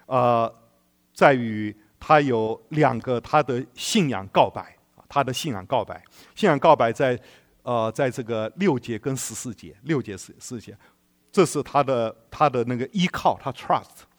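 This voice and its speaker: A man preaching a sermon in an animated storytelling way, putting rhetorical questions to the congregation and chuckling often. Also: mid-range voice, measured pace.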